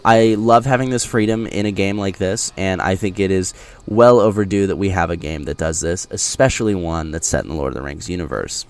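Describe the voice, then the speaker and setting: A man talking casually through his impressions of a video game, explaining things directly to viewers in a conversational way. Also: fairly low pitch. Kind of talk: casual scripted-free game impressions commentary over gameplay.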